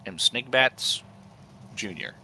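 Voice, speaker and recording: A man's voice: mid-range voice, pushed and bright, a little hiss or hum, pitched above the performer's own voice. A man voicing a scheming young male goblin lookout who is crude, pushy and foul-mouthed. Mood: plotting. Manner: wheedling, foul-mouthed, talks fast in bursts. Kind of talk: tabletop role-play.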